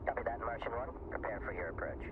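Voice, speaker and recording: An actor playing a calm mission control operator, heard as a distant radio transmission with clipped radio procedure talk. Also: male voice, fairly low pitch, quick pace, phone-quality sound. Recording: distant, heavy noise.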